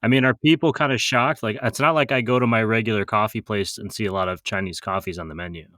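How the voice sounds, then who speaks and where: A man hosting a podcast, asking questions in a relaxed, curious way. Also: fairly low pitch, fast talker, dry recording, clean studio sound. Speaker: podcast host. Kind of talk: casual podcast interview.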